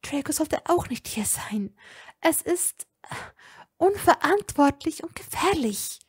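A woman's voice: sits high, animated, unhurried, a little mellow, slightly rough, pitched above the performer's own voice, full character voice. A woman reading a fan audiobook, voicing a determined young witch who speaks urgently and scolds sharply. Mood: worried.

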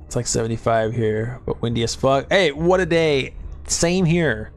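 His voice sits in the mid-range with fairly even intonation and a moderate pace, with a little hiss or hum in the recording. A Twitch streamer from Arkansas in his thirties, he has a light Southern accent and keeps up loose, laid-back, swear-heavy chatter with viewers while gaming in his home setup.

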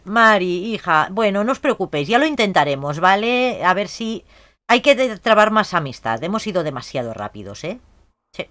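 A woman's voice: fairly low pitch, a bit bright. A woman in her twenties with a Spain Spanish accent, chattily narrating a life-sim game and breaking into shrieks of shock. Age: 20s. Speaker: let's play gamer.

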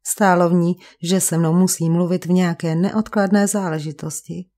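A woman's voice: on the low side, flat delivery, mellow, natural voice. A woman reading the lines of a frail, refined male painter of about thirty who speaks with cultured resignation, in an audiobook. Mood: resigned, cultured.

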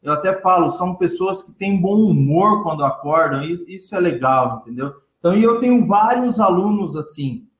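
A man, a teacher of entrepreneurship, answering interview questions in relaxed talk with many fillers and trailing phrase ends. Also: sits high, moderate pace, hardly any pauses, reverberant, muffled recording. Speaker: entrepreneurship teacher and speaker, guest.

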